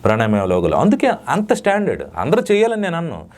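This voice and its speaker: A man, a dubbing artist, giving emphatic, lecturing interview answers with sudden loud rises. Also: fairly high pitch, wildly swooping pitch, quick pace.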